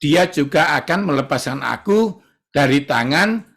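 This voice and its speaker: A man's voice: a little high, unhurried, slightly rough. A middle-aged male pastor, preaching a sermon in a church and acting out both sides of conversations. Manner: lively storytelling, acting out both sides of dialogues.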